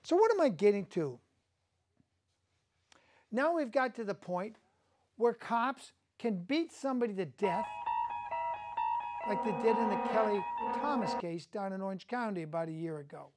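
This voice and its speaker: A man's voice: sits high, lively intonation, moderate pace, pauses often, over loud music. A man hosting a studio talk show, ranting emphatically and indignantly.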